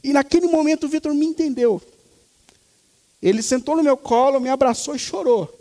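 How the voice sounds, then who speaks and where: In a reverberant hall, a male pastor in his thirties preaches a sermon in a very high, warm voice at a fairly quick clip. He speaks emphatically, repeating key phrases to give them weight.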